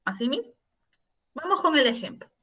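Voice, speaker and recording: A woman's voice: high voice, big pitch swings, normal speed, fairly bright tone. A middle-aged woman teacher explaining a grammar lesson patiently, asking her students questions and repeating examples. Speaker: secondary school language teacher. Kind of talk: online class explanation.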